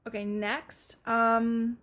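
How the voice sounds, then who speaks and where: A woman's voice: fairly high pitch, level tone, extremely slow, fairly bright tone. A young woman co-hosting a podcast, chatting casually, laughing often and using lots of fillers. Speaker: podcast co-host. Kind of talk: casual chat. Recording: faint ambient noise.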